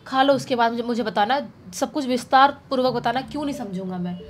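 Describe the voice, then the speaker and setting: A woman's voice: on the high side, quick pace, slight background noise, close to an everyday voice. A woman voicing a friendly young male village biryani seller who reassures and asks many questions, in her own voice. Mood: kind, eager.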